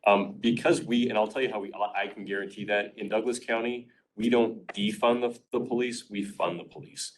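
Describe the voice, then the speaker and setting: A man's voice: lowish voice, slight background noise. A man chairing a county meeting as an elected official, answering comments in an assured, reassuring way. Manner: assured, reassuring, politician's cadence. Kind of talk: public meeting remarks. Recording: distant mic in a meeting room.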